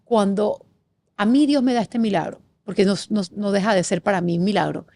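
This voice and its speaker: Middle-aged woman from panama, interview guest, animated storytelling, lots of quick lists, normal pitch. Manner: expressive, animated, lists things in rapid series.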